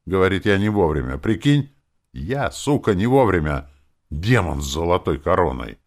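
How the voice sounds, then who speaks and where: A man's voice: sits low, sing-song, normal speed, voice pushed up. A man reading an audiobook voices a brash, foul-mouthed female demon who talks in a sly, mocking, swaggering way. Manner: sarcastic, swaggering, swears freely.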